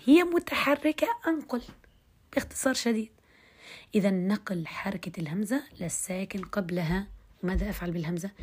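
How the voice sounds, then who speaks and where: A woman teaching recitation rules in an online lesson, explaining step by step, checking that students follow, and reciting example words slowly to show them. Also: medium pitch, a little mellow, breathy edge. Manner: explains step by step, checks understanding with quick questions.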